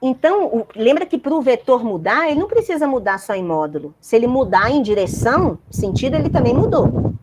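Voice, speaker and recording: A woman's voice: on the high side, big pitch swings, brisk, darkish tone, slight background noise. A woman giving a university physics lecture, explaining step by step and checking in with her students.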